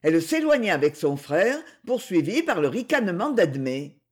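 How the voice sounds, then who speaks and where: A narrator reading a novel aloud in an expressive, storytelling way. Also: male voice, high-pitched, normal speed, breathy edge. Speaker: audiobook reader.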